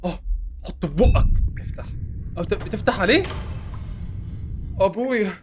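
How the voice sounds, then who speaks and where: A young man with an Egyptian Arabic accent commenting on a horror game as he plays, joking, talking to the monsters and getting loud when startled. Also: high voice, lively intonation, moderate pace, background noise. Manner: jokey, talks to the monsters, jumpy and loud when scared. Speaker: gaming YouTuber.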